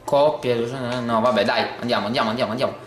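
A man commentating his racing game let's play, excitable and swearing often, talking over the game sounds. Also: mid-range voice, quick pace. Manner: says he talks oddly when excited on video. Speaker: gameplay video host. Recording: echoey room with loud game music.

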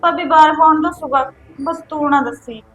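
Woman doing a young punjabi girl begging her bhabhi, high and scared, little music in back. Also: moderate pace, fairly bright tone. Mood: pleading. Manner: pleading, defensive. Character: young woman Sandeep, pleading, fearful of her brother. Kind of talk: village web-series drama.

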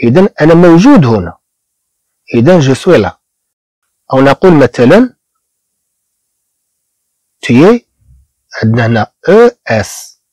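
A man from Morocco who teaches beginners French. He repeats each word slowly and explains it in Moroccan-accented Arabic. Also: medium pitch, very animated, a little mellow, no echo, rough recording. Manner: slow repetition of words, explaining in Arabic.

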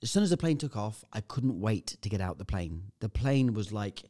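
A man's voice: fairly low pitch, sing-song, normal speed, dark tone. A man, a podcast guest, telling a vivid anecdote in casual chat and swearing freely. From United Kingdom.

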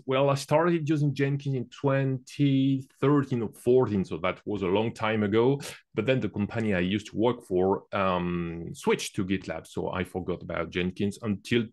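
A man introducing himself as a mentor on a video call, thoughtful and hesitant with fillers. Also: on the low side. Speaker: meetup participant, GSoC mentor.

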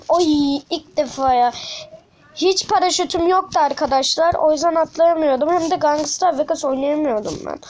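High-voiced excitable gameplay commentator. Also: female voice, a little hiss or hum. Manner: chatty and excitable, with frequent exclamations and slangy outbursts; speaks directly to viewers as friends. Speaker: gaming channel host. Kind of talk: casual mobile gameplay commentary.

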